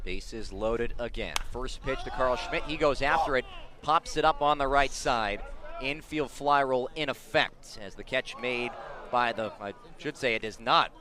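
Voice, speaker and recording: Over a crowd in the background, a man with a medium-pitched, unhurried voice calls baseball play-by-play on live radio. He describes each moment in detail, his voice rising excitedly on big plays.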